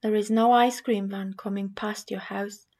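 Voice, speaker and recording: A woman from Romania with a Romanian accent, reading scripture and giving a sermon in a measured, reflective way. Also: mid-range voice, fairly even intonation, a little mellow. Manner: measured, reflective delivery with small restarts. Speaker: preacher.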